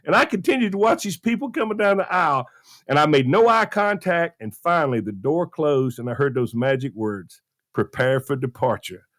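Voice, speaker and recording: This movie critic and radio show regular speaks a little high and fairly quickly, with the Southern US accent of a middle-aged man from the American South. Telling a funny talk-show story, he animatedly performs the voices and laughs plenty.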